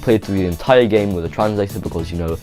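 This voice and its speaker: A man's voice: deep voice, fast, over music. A man narrating a YouTube video in a casual, rambling, offhand way, full of "like" and restarts. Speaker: YouTube host.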